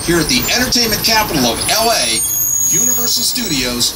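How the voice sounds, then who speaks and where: A man giving a polite, lively pre-recorded safety announcement over an outdoor loudspeaker on a moving shuttle bus. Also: high voice, a little fast. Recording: distant loudspeaker in noisy vehicle.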